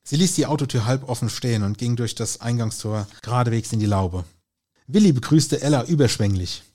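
A man narrating a crime story in an even, storytelling manner. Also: medium pitch, brisk. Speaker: audiobook narrator. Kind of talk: scripted narration.

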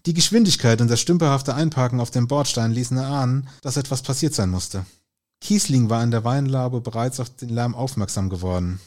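Guy reading a crime audiobook, steady mid voice. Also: mid-range voice, a little fast. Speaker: audiobook narrator. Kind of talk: scripted narration.

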